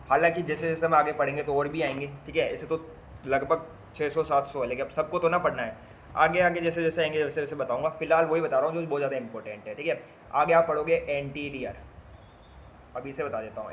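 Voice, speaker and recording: There is a little hiss or hum as a man with a slightly high voice lectures nursing students. The class is casual and covers basic medical terms. He spells out word parts, repeats them, and quizzes students with lighthearted asides.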